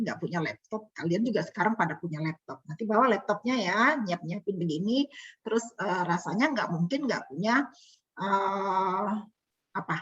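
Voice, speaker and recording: A woman with an Indonesian accent coaching a group online, asking them questions in a lively teacherly way. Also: medium pitch, breathy edge. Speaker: communication coach. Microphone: video call. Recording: dull lo-fi video call audio.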